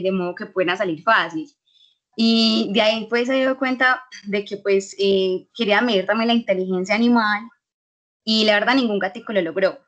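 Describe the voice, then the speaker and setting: A woman's voice: mid-range voice, fairly bright tone. A young woman student answering in an online class, hesitant and full of fillers. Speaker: university student. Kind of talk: class participation.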